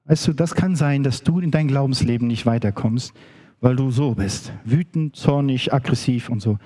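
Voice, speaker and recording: A man's voice: mid-range voice, normal speed, mellow. A man preaching a sermon, emphatic and talking straight to his listeners. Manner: emphatic, addresses listeners directly.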